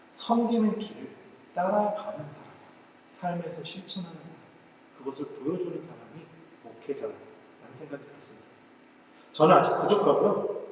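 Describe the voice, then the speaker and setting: A male pastor preaching a sermon in an earnest, reflective way, with soft drops and slow emphatic pauses. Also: on the high side, slight background noise. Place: church sanctuary. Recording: roomy hall echo, mic at a distance.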